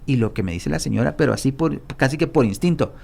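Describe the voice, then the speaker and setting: A man's voice: medium pitch, fast talker, creaky, a little hiss or hum. A man with a Guatemalan Spanish accent, a historian guest telling anecdotes in a casual studio conversation, full of fillers and tag questions. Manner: storytelling, animated, with many fillers and repeated "¿verdad?".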